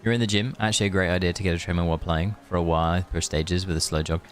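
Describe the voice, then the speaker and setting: A man live-streams a game and keeps up a loose, rambling chat with his viewers. He talks rapid-fire in a low voice with fairly even intonation, and music can be heard behind him.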